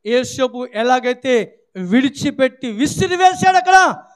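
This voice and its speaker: High-voiced preaching man. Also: lively intonation, a little slow, clean tone. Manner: rhetorical questions, repeated exclamations of hallelujah; swings between loud shouting and low quiet stretches. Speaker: pastor. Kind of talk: sermon.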